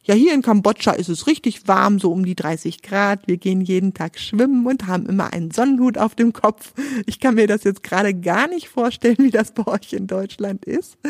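A woman's voice: medium pitch, no echo, studio quality. Friendly woman reading a children's story. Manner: friendly, addressing the child directly. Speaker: children's podcast host and storyteller.

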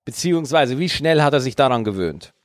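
A man in casual podcast banter, playful and teasing, who reacts with big exaggerated outbursts. His pitch leaps around a lot as he talks. The sound is close and dry, with no room to it. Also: lively intonation, brisk, dry recording. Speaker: podcast co-host. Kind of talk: casual chat, reading out a listener mail.

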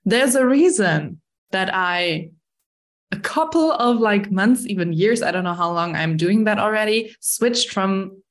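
A woman's voice: mid-range voice, lively intonation, unhurried. A woman hosting a podcast in a casual interview, chatty and laughing at her own stories. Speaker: podcast host.

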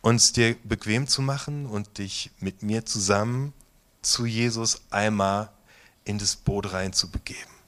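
On a theater stage, a male pastor with a low-leaning voice guides listeners through a meditation within a sermon. He speaks slowly and softly, at times in a whisper, while soft guitar music plays underneath.

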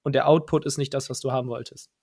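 A man co-hosting a podcast, arguing his points casually in quick reasoning steps. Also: medium pitch, little pitch movement, darkish tone, husky. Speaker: podcast co-host.

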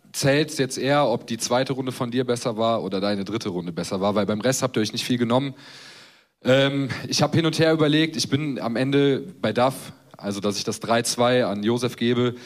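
A man in an ordinary mid-range voice gives his verdict as a judge. He rambles excitedly through his reasoning in loose, casual talk before settling on a score. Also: medium pitch.

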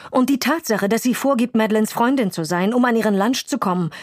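A woman reading a storybook voices a sharp, self-assured woman chemist with a clipped, accusing manner. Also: fairly high pitch, quick pace, dry recording, studio quality, voice pushed up, natural voice. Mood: indignant.

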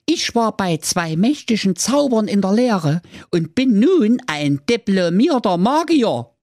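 A show-off young magician. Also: male voice, sits high, very animated, slow pace, a little mellow, no room sound, studio quality, pitched above the performer's own voice, exaggerated voice. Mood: grand. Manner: theatrical, grand, incantatory.

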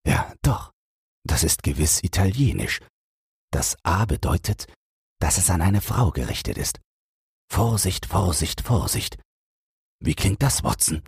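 Male reader as keen analytical detective, low husky voice, dry close mic. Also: sing-song, dry recording, heavily acted. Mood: calm. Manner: measured, reasoning aloud. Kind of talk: audiobook read for sleep.

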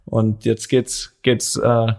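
Man, gravelly voice, casual podcast chat, rambling, teasing. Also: medium pitch, flat delivery, takes it slowly, a little mellow. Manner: rambling, restarts, teasing banter. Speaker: podcast co-host; professional footballer.

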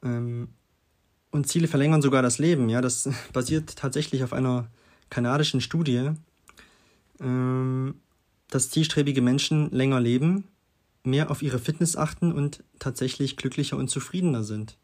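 Young male podcast host, casual self-help chat, mid-pitched, loose and filler-heavy delivery. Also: moderate pace, darkish tone. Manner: loose and chatty, many fillers, frequent tag questions.

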